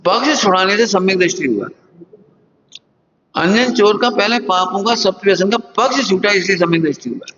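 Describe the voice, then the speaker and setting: A man's voice: sits high, moderate pace, a bit bright. A man giving a spiritual sermon, plain-spoken, putting questions to his listeners and using homely examples. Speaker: Jain spiritual teacher. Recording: dull lo-fi hall recording.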